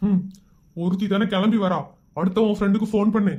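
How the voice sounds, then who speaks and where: A performer voicing a menacing male gangster boss in an animated cartoon, who barks gruff, bossy threats. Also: mid-range voice, fairly quick, lo-fi sound, natural voice. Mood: scheming.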